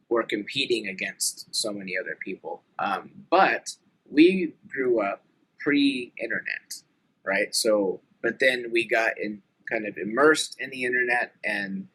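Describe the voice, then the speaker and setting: A man's voice: lowish voice, pushed and bright, breathy edge, poor audio. A man in his late thirties talking earnestly and thoughtfully in a casual podcast conversation, with many fillers. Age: late 30s.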